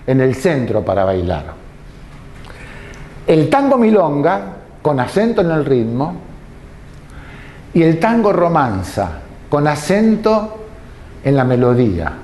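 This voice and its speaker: A tango lecturer speaks at an unhurried, measured pace, his fairly high, mellow voice rising and falling widely as he explains. He pauses to pose rhetorical questions and then answers them himself. A slight hiss or hum can be heard.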